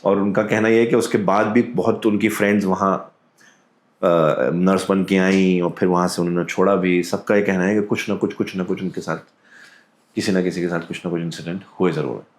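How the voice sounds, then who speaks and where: Deep-voiced Indian man telling a story. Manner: calm, deliberate, drops into quoted voices. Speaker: podcast guest storyteller. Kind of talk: casual storytelling in Hindi-English mix. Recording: roomy echo.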